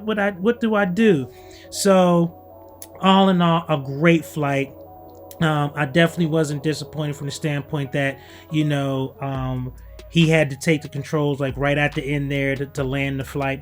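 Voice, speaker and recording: A man narrating footage as a student pilot in a casual vlog style, candid, conversational and enthusiastic. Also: fairly high pitch.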